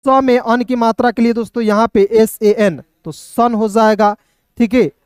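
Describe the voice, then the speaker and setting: An online teacher giving a reading lesson, spelling words out letter by letter and then reading each one slowly. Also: medium pitch, fairly even intonation, clean tone, dry recording, clean studio sound. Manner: keeps addressing viewers as friends, asks and answers own questions.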